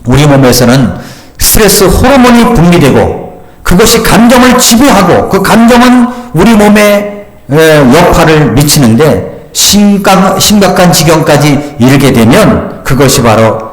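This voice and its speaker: A man's voice: a little high, big pitch swings, measured pace. An older man in his sixties, a pastor preaching a sermon with emphatic, rhetorical questions. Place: church sanctuary. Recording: echoey church hall.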